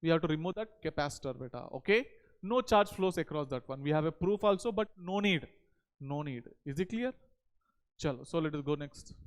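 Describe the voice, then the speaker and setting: With a slightly high voice, brisk delivery and lively intonation, a thirtysomething Indian physics teacher works through a board lecture for exam students. He's in an indoor teaching studio at a digital board, miked with a headset, and regularly drops in short check questions and tag words.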